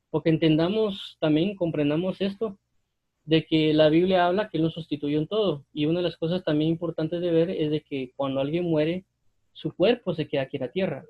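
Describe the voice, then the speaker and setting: Guy teaching bible stuff, kinda high voice, lots of ehs, dull lo-fi sound. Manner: hesitant, many fillers and restarts. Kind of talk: unscripted Bible commentary.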